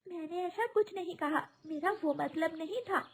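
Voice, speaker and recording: A woman voicing a gentle, meek young bride sparrow in a cartoon, speaking in a pleading, timid way. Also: extremely high pitch, moderate pace, voice pushed up.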